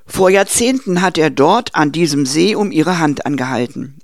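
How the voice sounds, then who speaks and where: A man narrating a film review in a brisk, summarizing way. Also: fairly high pitch, lively intonation, dry recording, studio quality. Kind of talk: scripted narration.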